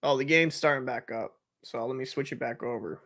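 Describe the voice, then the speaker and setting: A man's voice: medium pitch, brisk, a bit bright. A young man hosting a live hockey watch-party stream, chatting casually, joking and answering viewers. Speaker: livestream host.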